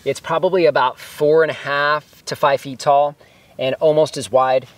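A man's voice: fairly high pitch, steady tone, normal speed, no room sound. A man giving a casual, enthusiastic walkthrough of his fruit trees outdoors, sometimes talking while eating. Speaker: homesteading vlogger. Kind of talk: casual garden walkthrough to camera. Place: outdoors in an orchard.

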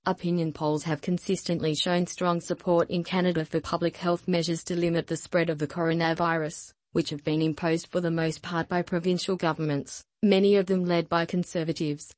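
Reading the news fairly quickly with few pauses, a woman keeps her low voice steady and nearly flat. Her scripted, even delivery comes through a dry, close-mic recording without echo.

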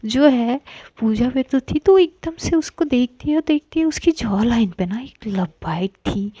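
A woman's voice: medium pitch, mellow, no room sound. A woman telling a serialized love story in a casual, chatty way, with fillers.

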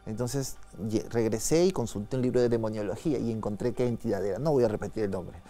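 Un hombre con acento peruano, invitado ocultista, que narra con calma y en voz baja una experiencia personal en una entrevista. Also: male voice, lowish voice, quick pace, faint music behind. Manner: soft-spoken, calm storytelling with frequent tag questions. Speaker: occultist guest. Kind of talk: telling a personal story in an interview.

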